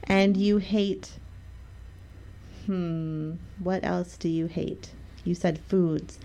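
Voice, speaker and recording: A woman co-hosting a podcast in a relaxed, teasing chat with her partner. Her voice sits a little low and sounds warm and dark. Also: extremely slow, creaky. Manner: playful, teasing, chatty. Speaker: podcast co-host. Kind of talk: casual chat between partners.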